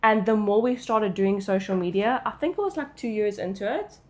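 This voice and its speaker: A woman from South Africa talks casually in a Q&A. She has a South African English accent and a medium-pitched voice. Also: expressive, brisk, darkish tone. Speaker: content creator. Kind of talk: casual Q&A chat.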